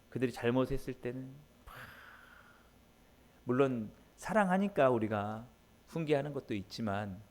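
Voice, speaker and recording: A man's voice: mid-range voice, darkish tone. A male pastor delivers an early-morning sermon in a mid-range voice. His delivery is emphatic but conversational, with frequent filler sounds. He keeps turning to speak straight to his congregation. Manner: emphatic, often turns to address the congregation directly.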